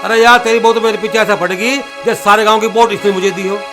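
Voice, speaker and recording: A man's voice: sits high, fairly even intonation, quick pace, music in the background, close to an everyday voice. A man playing a Haryanvi village headman. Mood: placating. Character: village headman, placating and wry.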